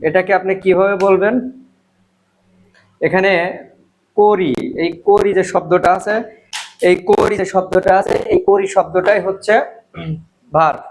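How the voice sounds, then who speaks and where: A man teaching a spoken language lesson, repeating each word slowly and spelling out sounds. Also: high voice, steady tone, poor audio. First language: Bengali.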